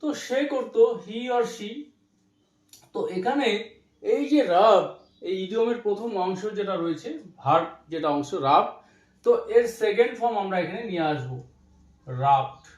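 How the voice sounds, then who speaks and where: A man teaching spoken English, explaining in Bengali and saying English phrases slowly word by word. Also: sits high, animated, echoey room.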